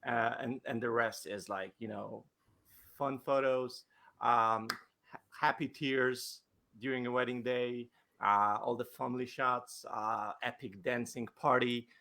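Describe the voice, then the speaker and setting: A man's voice: medium pitch, fairly even intonation, unhurried, sharp tone. A male wedding photographer answering interview questions over a video call, hesitant, with many fillers and restarts.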